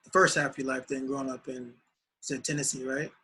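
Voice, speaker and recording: A man's voice: mid-range voice, little pitch movement, quick pace, pushed and bright, breathy edge. A man hosting an interview, opening with an upbeat greeting and asking loose, rambling questions. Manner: upbeat, loose, fillers and restarts. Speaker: interviewer and host.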